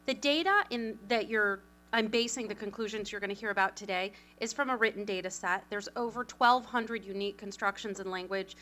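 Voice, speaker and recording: A woman giving a conference presentation as a communications consultant, talking quickly with lively, self-deprecating asides. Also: mid-range voice, faint music behind. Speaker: communications consultant, panel speaker.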